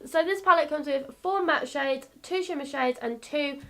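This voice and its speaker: A bubbly 22-year-old woman chatting through a makeup tutorial, croaky from a coming cold, self-mocking and chatty. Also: sits high, moderate pace, sharp tone. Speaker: beauty YouTuber. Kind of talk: casual makeup tutorial chat.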